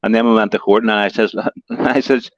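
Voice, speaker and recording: A man with a Belfast accent who talks quickly, slurs his words and leans on heavy slang while chatting as a guest on a livestream call. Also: lowish voice, monotone, dry recording. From Northern Ireland. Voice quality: fast slurred speech with heavy slang. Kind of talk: casual chat. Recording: dull, dry lo-fi call audio.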